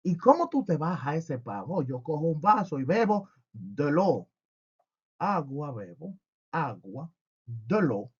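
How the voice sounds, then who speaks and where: A man's voice: fairly high pitch, very animated, takes it slowly, slightly rough, dull audio. A man teaching a French lesson with humor, asking and answering his own questions.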